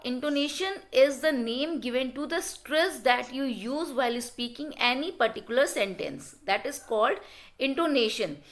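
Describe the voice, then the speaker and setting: High-voiced Indian woman lecturing. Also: fairly bright tone. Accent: Indian English. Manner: mixes English with Hindi explanations, frequent "okay?" checks. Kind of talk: classroom lecture.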